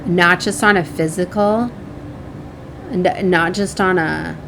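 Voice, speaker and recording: A woman with a fairly low, gravelly voice speaks slowly through a chatty spiritual tarot reading. She hosts a spiritual channel, wanders in her talk, trails off, and repeatedly checks in with the listener using tag questions. Background noise is present.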